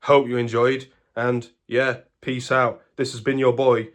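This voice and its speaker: A man's voice: medium pitch, level tone, unhurried. A man from England talking casually to camera in a vlog, rambling and correcting himself as he goes. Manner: rambling, chatty, self-correcting. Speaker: vlogger.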